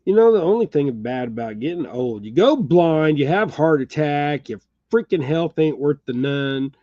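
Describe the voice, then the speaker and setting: A middle-aged man with a slight Texas-tinged American accent rambles along in easy, chuckling chat, speaking to his viewers by name. His voice sits a little high for a man. The recording is dry and a bit muffled. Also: animated, normal speed, mellow, no echo. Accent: Texas-tinged American, says y'all. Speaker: channel host. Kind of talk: casual chat while tying jigs. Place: home workshop.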